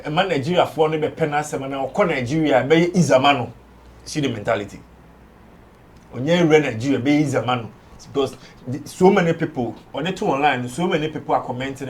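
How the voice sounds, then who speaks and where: A man with a Ghanaian accent offers his views in casual studio talk on an entertainment show, alternating between English and Twi with strong emphasis. He has a medium-pitched voice, speaks fairly quickly, and there's a bit of background noise.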